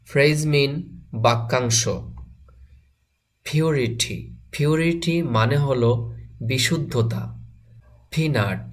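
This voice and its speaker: Slow, measured man teaching vocabulary. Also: mid-range voice. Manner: measured, repeats each word and its meaning. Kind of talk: slow word-by-word vocabulary lesson.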